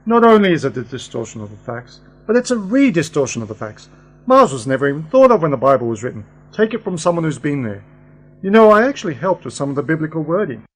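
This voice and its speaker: Man playing the Doctor, wry and animated. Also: a little high, quick pace, breathy edge. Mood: wry, lecturing. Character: eccentric, well-travelled Doctor, a time traveller and uncle. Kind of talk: amateur radio play acting. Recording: noisy, humming home recording.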